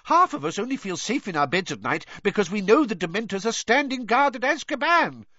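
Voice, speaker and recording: High-pitched pompous wizard politician, performed by a male narrator, indignant, stubborn, wildly swooping, muffled recording. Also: sing-song, measured pace, a bit bright, no echo, full character voice. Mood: shouting outrage. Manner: indignant, pompous, shrill when outraged.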